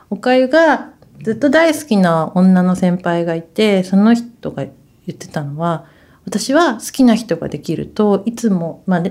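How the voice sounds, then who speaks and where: A woman's voice: mid-range voice, darkish tone. A woman hosting a casual radio talk corner, rambling along chattily, calling herself by her nickname and turning to her co-host to check details. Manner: asks the co-host for confirmation.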